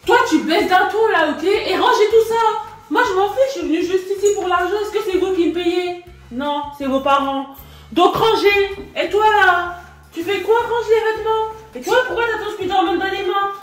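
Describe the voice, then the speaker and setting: Woman as bossy nanny, high voice, scolding and impatient, echoey room, music behind. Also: moderate pace, distant mic. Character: bossy, grumpy young female babysitter. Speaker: babysitter.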